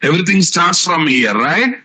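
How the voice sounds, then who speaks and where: Telugu accent guy teaching an online coding class, kinda high sharp voice, keeps repeating stuff and asking questions. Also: very animated, normal speed, husky. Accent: South Indian, Telugu. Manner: repetitive teaching with rhetorical questions and tag words. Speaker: software instructor. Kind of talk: live online programming class.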